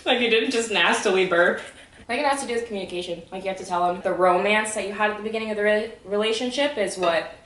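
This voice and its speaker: A woman's voice: medium pitch, fast, fairly bright tone. A young woman in casual conversation as a mukbang co-host, her mouth burning from spicy food. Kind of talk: casual chat. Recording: roomy echo.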